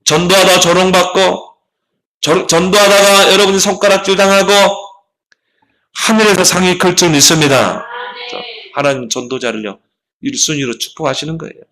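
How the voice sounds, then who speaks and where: A man's voice: sits high, fairly even intonation, moderate pace, sharp tone. A man preaching a sermon as a pastor, telling his story with passion, his voice rising and falling sharply.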